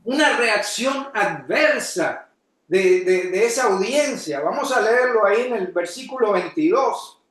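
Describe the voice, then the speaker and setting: A pastor delivers his sermon in a high voice, slowly and deliberately, firing questions at his congregation. Now and then he bursts into shouted emphasis. The sound rings through a very echoey church. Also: lively intonation. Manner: preaching with sudden shouted emphasis.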